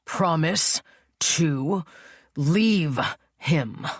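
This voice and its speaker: A woman voicing a troubled, volatile young man in an audiobook, speaking slowly through clenched tension. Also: a little high, dry recording, studio quality. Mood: menacing. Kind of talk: audiobook character reading.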